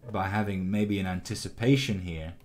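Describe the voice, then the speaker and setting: A man teaching animation, giving a calm, encouraging critique of a student's shot with frequent ums and restarts. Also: low-pitched, moderate pace, crowd noise. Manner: calm, encouraging, many fillers. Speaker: animation instructor. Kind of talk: recorded critique of student work.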